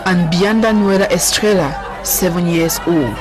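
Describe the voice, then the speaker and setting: A woman's voice: fairly low pitch, unhurried, noisy background. A woman reading scripted news narration as a reporter. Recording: music and crowd behind voice-over. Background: music and crowd sounds.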